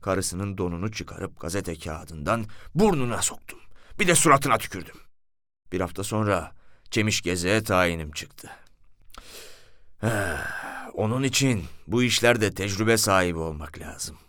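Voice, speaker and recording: A man's voice: low voice, animated, unhurried, a bit bright, no room sound, studio quality. A man voicing a swaggering former police officer who confides a crude story by the stove.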